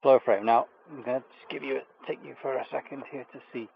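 Here the beekeeper host's mid-range voice moves fairly quickly and carries vocal fry and a slight roughness. He chats casually with lots of fillers while inspecting a hive in an outdoor bee yard on a live stream. The off-frame camera mic gives no room sound and cuts the highs.

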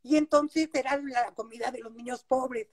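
An older woman with a Mexican Spanish accent and a noticeably high voice tells stories from her childhood. She speaks warmly and nostalgically, often affirming what she says. The audio comes from a video call made at home. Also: fairly even intonation, normal speed, breathy edge. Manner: warm nostalgic storytelling with frequent affirmations. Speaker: interview guest, actress. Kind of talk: casual reminiscing.

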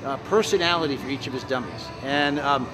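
A man's voice: medium pitch, brisk, over music, low-quality recording. An American man in his sixties, chatting in an upbeat, casual interview as a ventriloquist. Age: 60s. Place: large open-sided fairground shed.

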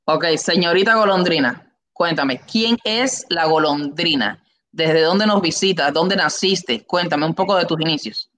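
A young man with a Cuban accent hosting a live online interview, announcing with enthusiastic, drawn-out emphasis from a room on his webcam. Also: on the high side, pushed and bright. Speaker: host. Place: indoor room. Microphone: webcam, video call.

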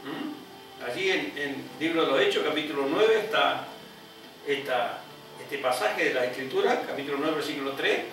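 A man, an evangelist preaching a sermon emphatically, often rising high on repeated phrases and adding "¿eh?" asides. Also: expressive, moderate pace, fairly bright tone, faint music behind. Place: church. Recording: echoey hall, heard from a distance.

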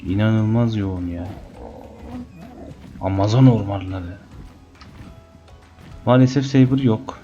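A man's voice: lowish voice, warm tone, lo-fi sound. A man commenting on his gameplay and playfully taunting the animals in the game. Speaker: gaming channel host. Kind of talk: Let's Play commentary.

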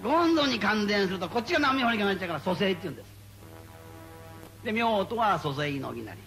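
A high, bright male voice delivering spiritual guidance to a live audience in a meeting. He talks in an animated, playful way, swinging his pitch widely and repeating phrases for emphasis, with faint music behind him. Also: fast. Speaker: Buddhist lay leader giving guidance. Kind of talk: spoken guidance talk to a gathering.

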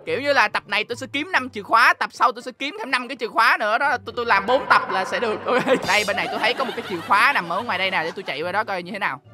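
A young man with a Southern Vietnamese accent giving chatty, excitable let's-play commentary, teasing the game's characters and talking straight to his viewers. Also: sits high, racing, few pauses, music in the background. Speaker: gaming YouTuber.

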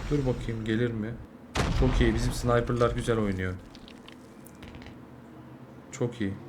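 A young man, a mobile game streamer, giving live gameplay commentary, swearing constantly and swinging from angry yelling to low muttering. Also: steady tone, unhurried. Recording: noisy game audio behind.

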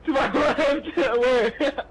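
A man's voice: very high voice, slight background noise, low-quality recording. A man in a gaming voice chat, giggling and calling out enemy positions. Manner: giggling, rapid repeated callouts. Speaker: gamer in voice chat. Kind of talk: casual gaming banter.

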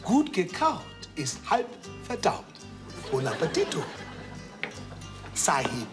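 This man's fairly high, slow voice is a full character voice: a cheeky, chatty waiter peppering his speech with Italian phrases for a TV comedy sketch. He delivers it in a lively, sing-song way. The restaurant set is in a studio, with music and audience laughter on the recording.

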